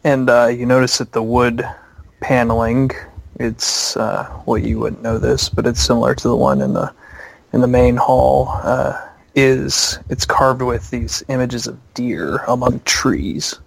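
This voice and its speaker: Slow gravelly-voiced game master. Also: male voice, mid-range voice, no room sound, low-quality recording. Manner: descriptive, many fillers and pauses. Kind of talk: narrating a tabletop game.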